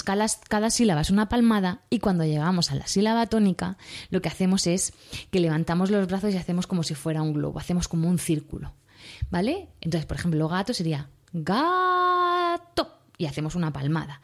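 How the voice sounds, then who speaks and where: A woman's voice: on the low side, warm tone. A middle-aged woman with a Spanish accent, a teacher hosting a podcast, explaining ideas in a chatty, self-correcting way. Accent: Spanish from Spain. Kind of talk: casual educational podcast monologue.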